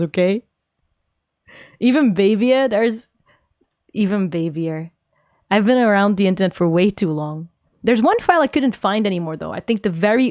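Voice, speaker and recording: A woman's voice: mid-range voice, darkish tone, no echo, clean studio sound. A young adult woman streaming casual chat, rambling, giggling often and swearing freely. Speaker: VTuber streamer.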